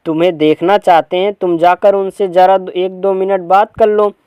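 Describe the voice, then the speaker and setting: A man's voice: high-pitched, flat delivery, normal speed, smooth, no echo, natural voice. A man reading a play aloud and voicing a stern, scheming old father who gives orders. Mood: gruff. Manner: commanding, calls out loudly.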